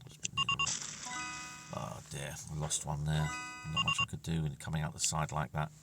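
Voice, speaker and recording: This gamer narrates his play in a rumbling low voice, flat and brisk, with vocal fry. His muttered remarks to himself frequently fade to almost a whisper. Music plays behind a distant microphone.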